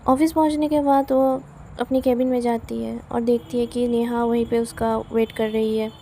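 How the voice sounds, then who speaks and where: A woman narrates a serialized love story in a chatty, friendly way, slipping in English words. Her voice is high with a mellow, dark tone. A faint hiss sits behind her. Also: little pitch movement, moderate pace. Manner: chatty and warm greeting, mixing English words.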